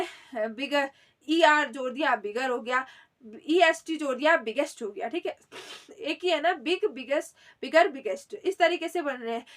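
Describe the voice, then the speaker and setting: A woman teaching a grammar lesson, who spells words out letter by letter and keeps checking in with her listeners. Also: high-pitched. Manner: repeats "theek hai" often, spells letters out slowly.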